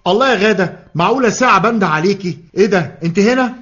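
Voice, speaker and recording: An actor playing a sarcastic, teasing husband with an Egyptian accent in a comic radio sketch. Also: male voice, high voice, lively intonation, racing, a bit bright, breathy edge, faint music behind, heavily acted. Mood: mocking. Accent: Egyptian Arabic. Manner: sarcastic, mocking, laughing jabs. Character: mocking Egyptian husband who teases his wife. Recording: dull lo-fi radio archive.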